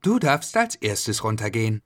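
A man voicing a high, excited little boy. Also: moderate pace.

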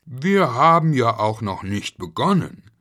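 A man voicing a friendly, cheerful dog who is a father in a storybook, calling out loudly and upbeat. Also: medium pitch, big pitch swings, a little slow.

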